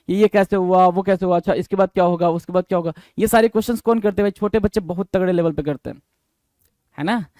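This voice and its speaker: A male teacher leading an exam-prep vocabulary lesson. He reads English definitions slowly, explains them in quick Hindi, spells each word letter by letter and repeats the answers. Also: sits high, darkish tone, no echo. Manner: spells words letter by letter, repeats answers, calls students bhai.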